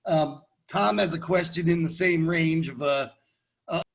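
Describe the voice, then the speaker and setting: A man's voice: on the high side, unhurried, vocal fry. A man co-hosting a casual interview, setting up questions in a laid-back, hesitant way with fillers. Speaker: interview co-host.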